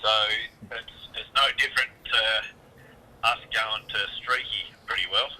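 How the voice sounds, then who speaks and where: An Australian man calling in on speakerphone, explaining plans in a halting way and often repeating and restarting his words. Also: medium pitch, steady tone, pushed and bright, slight background noise, low-quality recording. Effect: heard over a phone on speakerphone. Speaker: caller from a local football club. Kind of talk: casual phone chat.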